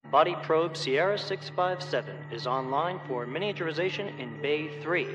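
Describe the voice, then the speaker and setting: An actor playing a brisk male launch bay announcer, making crisp, businesslike status calls over a PA system. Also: on the high side, lively intonation, over music. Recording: dull, echoey loudspeaker from afar.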